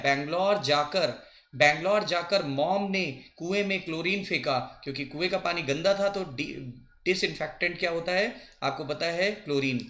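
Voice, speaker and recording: A man teaching a biology coaching lesson, repeating and spelling out memory tricks slowly for his students. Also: fairly high pitch, a bit bright. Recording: echoey room.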